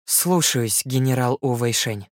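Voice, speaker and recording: A man's voice: medium pitch, a little slow, dry recording, clean studio sound, lightly acted. A man voicing a timid, guilty young male disciple addressing his general. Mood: meek. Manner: meek, apologetic.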